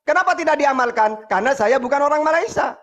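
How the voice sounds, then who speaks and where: A man's voice: very high-pitched, lively intonation, fast, fairly bright tone, highs cut off. A man with an Indonesian accent in a heated debate, urging the other side to listen and explaining with an everyday comparison. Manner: pleading for attention, explains by analogy.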